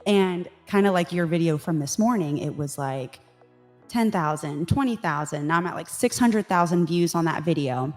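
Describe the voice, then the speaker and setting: A woman in her thirties tells her story as a podcast guest, candid and quick to laugh at herself. Her voice sits a little low for a woman, and faint music plays underneath. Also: expressive, a little mellow. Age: 30s. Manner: candid, self-mocking, laughs often. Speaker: life coach guest. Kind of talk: casual podcast interview.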